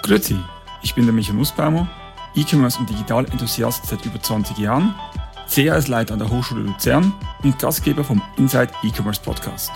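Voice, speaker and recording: A man's voice: mid-range voice, expressive, brisk, gravelly, music in the background. A man hosting a podcast, asking questions in an upbeat, enthusiastic way and reading a sponsor message. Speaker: podcast host.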